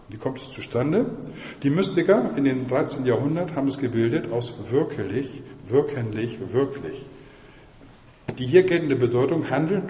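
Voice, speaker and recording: A man's voice: medium pitch, warm tone. A man giving a university mathematics lecture, digressive and firing rhetorical questions at the audience. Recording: echoey lecture hall, faint noise.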